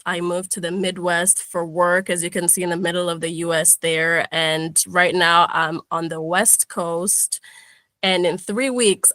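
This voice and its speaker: A woman's voice: on the low side, a bit bright, no room sound. A young woman from Kenya, a guest speaker giving an upbeat webinar presentation over a video call, with frequent "um"s and restarts.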